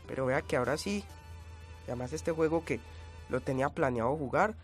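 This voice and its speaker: A man's voice: mid-range voice, lively intonation, a little fast, soft background music. A man giving gameplay commentary, coughing and sounding changed by a cold, yelping and screaming at in-game hazards. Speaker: let's play gamer.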